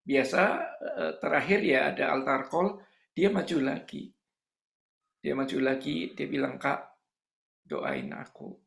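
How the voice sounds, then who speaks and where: Male pastor preaching a story, gravelly voice, lots of echo, acts out the lines. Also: a little high, a little slow, pauses often. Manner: animated, acts out dialogue. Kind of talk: storytelling sermon.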